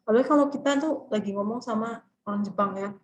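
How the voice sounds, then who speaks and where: A woman's voice: mid-range voice, fast talker, poor audio. A woman teaching Japanese grammar in an online class, explaining patiently and calling on students to read.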